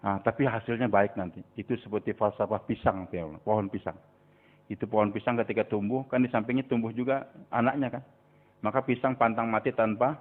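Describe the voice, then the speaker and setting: Older preacher man, tinny lo-fi sound. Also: lowish voice. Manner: storytelling, asks listeners "hmm?" often. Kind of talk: sermon. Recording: tinny phone-like recording.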